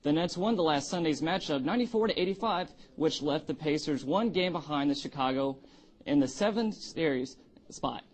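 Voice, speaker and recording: Male sports anchor, slightly high voice, nervous, stumbling and halting over scripted copy. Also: animated, poor audio. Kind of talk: scripted sports news reading.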